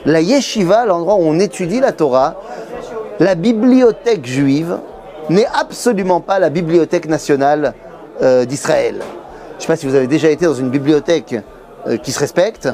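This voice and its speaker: A middle-aged man with a slightly high voice explains Torah in a busy yeshiva study hall. He teaches like a storyteller and briefly acts out the voices of the people he quotes. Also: expressive, moderate pace, mellow, a faint crowd. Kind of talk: explanatory lesson to camera.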